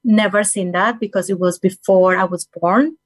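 A woman's voice: medium pitch, steady tone, normal speed, no room sound, poor audio. A woman in her forties from Colombia, speaking English with a Colombian Spanish accent, giving an earnest personal talk straight to listeners. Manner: earnest, direct address to listeners, non-native phrasing. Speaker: guest speaker. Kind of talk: personal talk on well-being.

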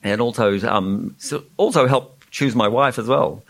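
Jokey New Zealand man reading aloud. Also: measured pace. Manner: jokey, laughs at the puns, acts out lines in a higher voice. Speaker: children's author at a festival panel. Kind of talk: reading aloud with casual asides.

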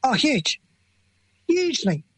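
A woman's voice: high-pitched, big pitch swings, slow pace, a bit bright, husky, no room sound, rough recording. A middle-aged woman with a New Zealand accent, speaking earnestly and passionately as a parent in an interview. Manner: earnest, impassioned, plain-spoken. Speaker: parent of children with FASD. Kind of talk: emotional interview answers.

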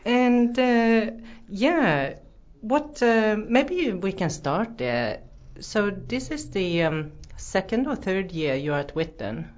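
A woman's voice: medium pitch, sing-song, slow, few pauses. A woman hosting a casual interview, asking encouraging questions of her guests. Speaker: interviewer, host. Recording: muffled lo-fi recording.

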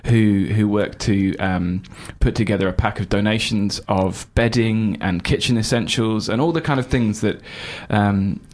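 A Red Cross volunteer coordinator from the United Kingdom talks about volunteering as a radio interview guest, his British accent carrying touches of New Zealand speech. His fairly low voice comes out halting, full of fillers, pauses and restarts, yet upbeat and enthusiastic.

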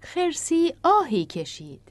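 Expressive woman storybook narrator. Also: extremely high pitch, no echo.

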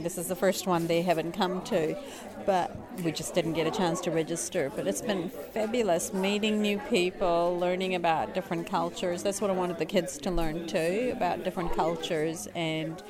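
A woman, a mother attending workshops, speaking sincerely and warmly. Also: fairly low pitch, steady tone, normal speed, crowd noise. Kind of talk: casual chat.

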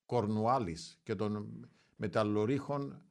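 A man hosting a morning radio show, rambling and halting as he reads out a list of saints' days. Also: on the low side. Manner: rambling, hesitant, halting over names. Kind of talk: casual radio chat.

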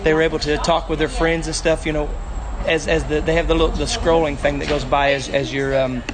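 A man from Arkansas with a hillbilly Southern US accent, a country entertainer chatting casually in an interview, halting and repeating his words, recorded on location at a noisy bar. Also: a little high, little pitch movement, crowd noise. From Arkansas, United States. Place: bar, on location with street noise. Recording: noisy outdoor bar, traffic behind.

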